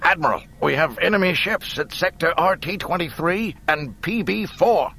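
A man's voice: fairly high pitch, animated, normal speed, vocal fry, sharp tone, a little hiss or hum, pitched above the performer's own voice, exaggerated voice. A man voicing an alien bridge controller giving a clipped, raised report. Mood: alarmed.

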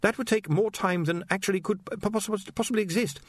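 Jittery young wizard, high-pitched stammerer, dry close sound, done by a male narrator. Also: brisk, no room sound. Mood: flustered. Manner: stammering, hesitant, full of "uh"s. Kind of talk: audiobook character voice.

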